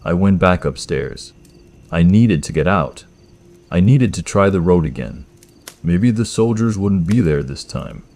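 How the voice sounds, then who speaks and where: A man narrating a first-person horror story in a tense, measured scripted style. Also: deep voice, lively intonation, a little mellow.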